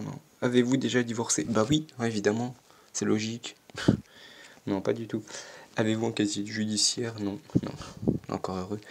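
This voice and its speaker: Taking an online quiz on YouTube, a 14-year-old boy reads each question out and answers with plenty of stammering, fillers, hesitation, and self-mockery. He has a lowish voice, and there's a little hiss or hum.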